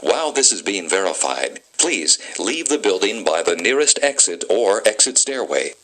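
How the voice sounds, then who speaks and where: A deep-voiced man delivers a prerecorded emergency message, heard through a fire alarm loudspeaker. His tone is crisp and bright, with a wide, lively pitch contour. He stays calm, measured and formal throughout. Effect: played through a fire alarm loudspeaker. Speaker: recorded alarm announcer.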